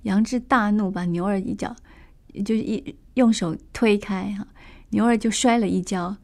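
A woman's voice: mid-range voice, normal speed, a little mellow. A woman storyteller retelling a classic novel in a chatty way, with many fillers and asides.

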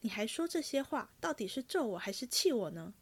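A woman reading aloud and voicing an earnest, impulsive young nobleman who talks in a quick, eager, pleading way. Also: on the high side, lively intonation. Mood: agitated.

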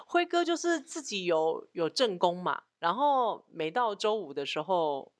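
A woman's voice: medium pitch, sing-song, a little slow, dry recording, clean studio sound. A woman co-hosting a frank relationship chat, blunt and teasing. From Taiwan. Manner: blunt, teasing, asks for agreement often. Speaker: co-host.

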